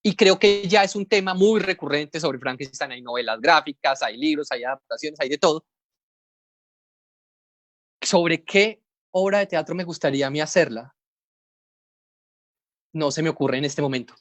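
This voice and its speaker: A man's voice: fairly high pitch, moderate pace, pauses often, fairly bright tone, dry recording. A Colombian man, a comics editor, talking casually over a video call, rambling and explaining things step by step. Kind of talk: casual panel talk.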